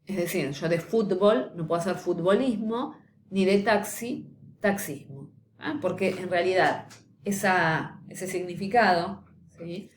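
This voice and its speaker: A woman's voice: fairly low pitch, a little slow. A woman giving a recorded lecture, explaining step by step and often checking in with a questioning "¿sí?". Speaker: teacher. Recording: echoey room, faint noise.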